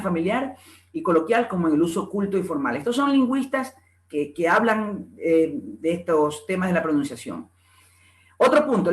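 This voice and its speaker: Guy giving a talk, high voice, keeps saying example words out loud, echoey room. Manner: explanatory, repeats example words to demonstrate pronunciation. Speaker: lecturer at a reading club. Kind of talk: conference lecture.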